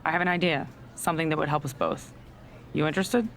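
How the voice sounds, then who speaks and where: An actress voices a scheming, self-serving female wrestler in a video game cutscene, speaking fast in a deep voice over soft background music. Her talk is casual and conspiratorial, with a sly, persuasive mood.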